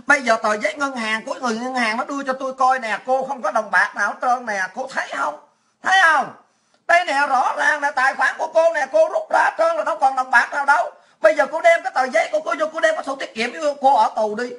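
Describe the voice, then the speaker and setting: A woman's voice: sits high, fast talker, fairly bright tone. A woman mimicking a corrupt, bullying judge who scolds and mocks a depositor. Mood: scolding, mocking. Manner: accusing, mocking.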